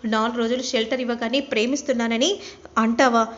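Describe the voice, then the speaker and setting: A woman's voice: a little high, steady tone, fast talker, close to an everyday voice. A woman voicing an angry, protective middle-aged father who scolds harshly, in a retold serial story. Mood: scolding. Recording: dull lo-fi recording.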